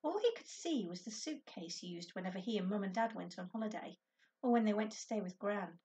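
A woman teacher reading a children's book aloud to her class, with clear, expressive storytelling. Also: mid-range voice, a little fast, far from the mic.

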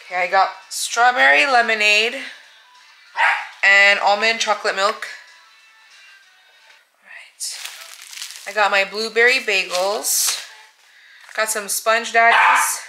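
A woman's voice: mid-range voice, slow, long pauses, music in the background, rough recording. An American woman vlogger chatting casually and thinking aloud, with lots of fillers, sounding tired. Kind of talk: casual chat.

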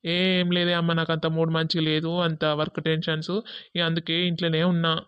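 A man plays a jealous young husband in a village cartoon who answers curtly and brushes people off. His voice is smooth and clean but flat, in a Telangana Telugu accent. The recording is dry and dull. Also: a little high, a little fast, no echo, lightly acted. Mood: irritated. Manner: irritated, brusque.

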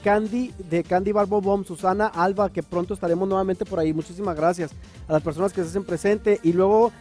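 A man's voice: high voice, fairly even intonation, a little fast, darkish tone, soft background music. A man co-hosting a live morning TV show, joking playfully and reading viewer messages aloud, with a Northern Mexican accent. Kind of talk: lively morning TV chat. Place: TV studio.

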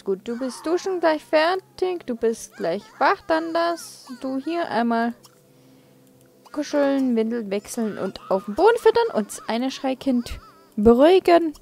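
A woman's voice: on the high side, animated, unhurried, vocal fry, a little mellow. A woman hosting a let's play, casually commenting on her game and coaxing the characters along.

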